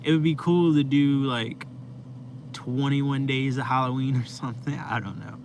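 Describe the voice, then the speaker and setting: This young man's voice is medium in pitch, with a steady tone and normal speed. He hosts an easygoing live stream from his van, rambling to viewers with plenty of fillers amid noisy vehicle sound.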